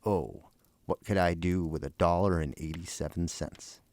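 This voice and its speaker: A man's voice: low-pitched, steady tone, normal speed, darkish tone. Man playing an anxious young wife in fireside storytelling. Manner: earnest, pleading. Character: anxious, tender young wife pleading with her husband.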